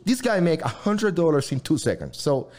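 A man co-hosting a casual live chat show, talking in a rambling, halting way with many restarts and fillers. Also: on the high side, very animated, darkish tone. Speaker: livestream co-host.

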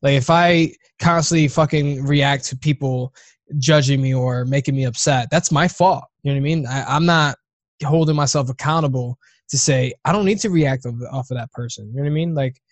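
A man's voice: medium pitch, a little fast, no room sound. A man in his thirties talking casually and openly, swearing often and restarting his sentences as he thinks aloud. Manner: rambling, profane, restarts often. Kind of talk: casual conversation.

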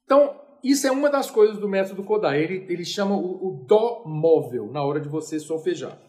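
A man's voice: sits high, expressive, a little fast, a little mellow. A Brazilian man giving a chatty, informal music lecture. He is self-deprecating and sings note names aloud. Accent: Brazilian Portuguese.

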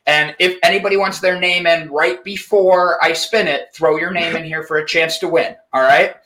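A male host with a fairly high, bright voice, chatting casually and energetically to his viewers. He rambles a little and keeps things upbeat. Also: fairly even intonation, normal speed. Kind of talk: casual live-stream chat.

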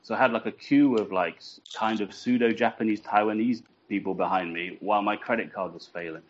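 A man's voice: fairly low pitch, fairly quick, lo-fi sound. A man with a mild northern English accent, chatting casually as a podcast guest in a rambling, self-mocking way. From born in Switzerland, raised partly in Britain and the US.

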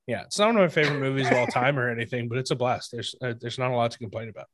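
Man, podcast host, casual chat, relaxed filler-heavy talk, dry close sound. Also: mid-range voice, rapid-fire, no room sound. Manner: relaxed, chatty, many fillers.

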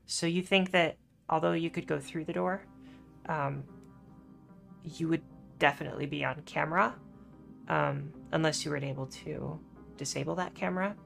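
Woman game master, gravelly voice. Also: sits low, fairly bright tone. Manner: easygoing, apologetic, with fillers. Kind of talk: narrating a tabletop game.

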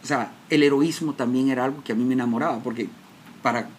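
A man's voice: mid-range voice, quick pace, slight background noise. A man from Guatemala with a Guatemalan accent, telling his life story in an emotional, dramatic way, often breaking off and restarting. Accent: Guatemalan Spanish. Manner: emotional, self-interrupting, dramatic retelling. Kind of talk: personal storytelling talk.

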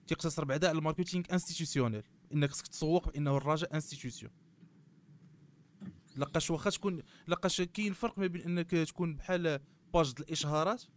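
Very fast-talking Moroccan man, clear voice. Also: on the high side. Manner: switches often into French terms. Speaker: guest commentator on football club marketing. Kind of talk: panel discussion, giving analysis.

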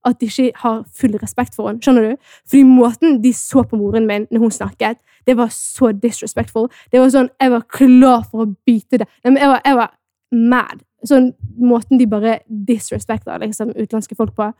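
A woman's voice: fairly high pitch, dry recording. Young woman with a Bergen accent, dry sound. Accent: Bergen Norwegian. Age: young adult. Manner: animated storytelling, mixes in English words. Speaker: podcast co-host. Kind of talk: casual chat.

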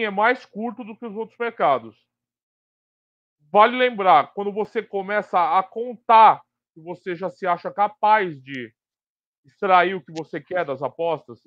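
A Brazilian man with a Brazilian Portuguese accent and a high voice marked by a slight tongue-tied lisp hosts a live sports betting talk stream. Speaking unscripted, he stresses and repeats key phrases while working through his points. The audio is dry, slightly dull and lo-fi, with no room sound.

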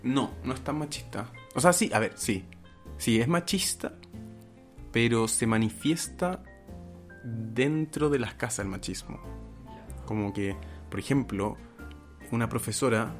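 A young man with a Chilean accent, co-hosting a podcast, rambling and searching for words. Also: lowish voice. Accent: Chilean Spanish. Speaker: podcast co-host. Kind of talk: casual chat.

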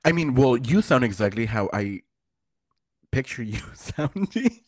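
A man with a noticeable lisp chats as a podcast co-host, playful and loose with swear words. His voice sits at an average pitch. The condenser mic sounds close and dry, with no room echo. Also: big pitch swings, measured pace. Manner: playful, swears freely, laughs often. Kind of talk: casual podcast chat. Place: room in a house. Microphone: condenser microphone.

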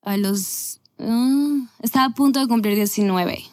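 A woman's voice: on the high side, unhurried. Chatty young woman from Venezuela. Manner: candid, chatty, with laughs and self-corrections. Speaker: guest. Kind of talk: casual conversational storytelling.

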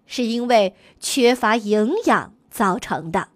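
Woman doing a low-voiced monkey doctor. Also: slow pace, no room sound. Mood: knowing. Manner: knowing, explaining. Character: wise male monkey doctor.

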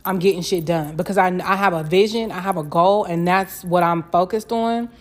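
A woman's voice: fairly low pitch, normal speed. A young woman chatting casually as a solo podcast host, candid and slangy, swearing freely and repeating phrases for emphasis. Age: young adult.

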